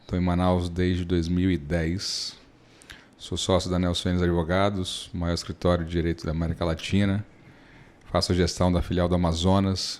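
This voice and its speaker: A Brazilian man in his thirties, a lawyer, explaining his work at length with everyday examples in a relaxed podcast interview. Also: deep voice. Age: 30s. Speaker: lawyer and guest.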